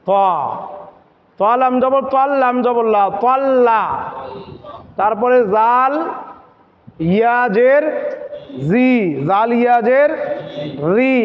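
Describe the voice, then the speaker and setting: High-pitched man, patient recitation teacher, reverberant hall, dull lo-fi sound. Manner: drills letters and syllables, asks questions then answers them. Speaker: Quran teacher. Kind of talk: step-by-step recitation lesson.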